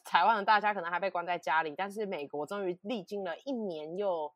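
A woman co-hosting a relaxed podcast, telling a story with lots of emphatic repeats and animated asides. Her voice sits on the low side for a woman. The sound is dry and close to the mic. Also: a little fast, no echo. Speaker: podcast co-host. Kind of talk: casual chat.

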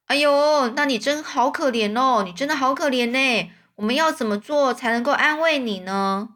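A woman's voice: sits high, normal speed, fairly bright tone, voice pushed up. A woman voicing a kind, trusting man who speaks eagerly and sympathetically. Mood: sympathetic.

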